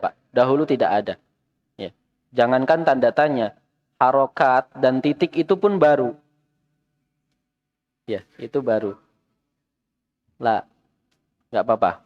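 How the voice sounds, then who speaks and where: Indonesian guy teaching arabic at a mosque, patient, quizzes the class, kinda muffled audio. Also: medium pitch. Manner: patient, asks the class questions.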